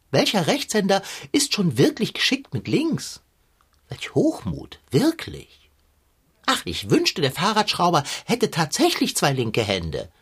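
A plump, self-pitying glutton in a children's radio play, forever complaining of hunger in lofty, antiquated words. The voice is breathy and swings widely up and down, and she hams up the grand phrasing. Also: low-pitched, heavily acted. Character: pompous, perpetually hungry plump male sidekick.

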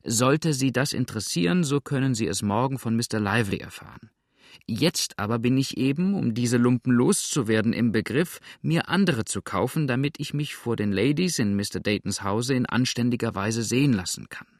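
A man's voice: medium pitch, animated, moderate pace, dry recording, studio quality. A man voicing a cocky male criminal who stammers when caught off guard and then turns brusque and impatient. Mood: defiant.

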